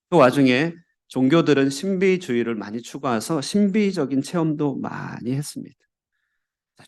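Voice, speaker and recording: A man's voice: mid-range voice, darkish tone. A Korean man, a pastor, delivering a sermon in church with earnest, rising emphasis on key words. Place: church sanctuary.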